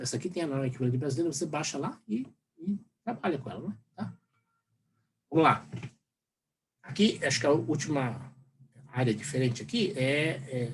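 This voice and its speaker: A man's voice: medium pitch, a little hiss or hum. A Brazilian man teaching a university lecture in a rambling way, full of fillers and tag questions. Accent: Brazilian Portuguese. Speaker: university professor. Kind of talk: recorded lecture.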